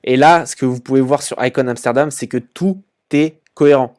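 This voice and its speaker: Talking through a website in informal screen-share commentary, a young e-commerce channel host chats with many fillers and repeated words. He speaks at normal speed in a mid-range, darkish voice.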